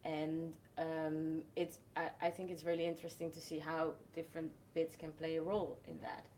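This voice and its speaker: A young woman in her twenties from the Netherlands, a festival host explaining her work in a measured, step-by-step casual chat. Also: low voice, monotone, dark tone, a little hiss or hum.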